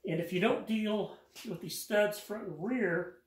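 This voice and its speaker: Working indoors in his home garage workshop, an older male home mechanic explains an engine rebuild in a slightly high voice, a little slowly. He's plainspoken and practical, repeating words as he goes through this hands-on how-to. The roomy, echoey garage sound comes with slight background noise.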